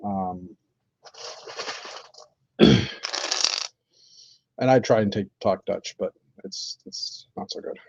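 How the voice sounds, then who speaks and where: A man chatting casually on a live stream while building, thinking aloud with many pauses and fillers. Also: low-pitched, darkish tone, a little hiss or hum. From Canada. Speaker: streamer building with toy bricks. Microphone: computer mic on live stream. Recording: dull lo-fi stream audio.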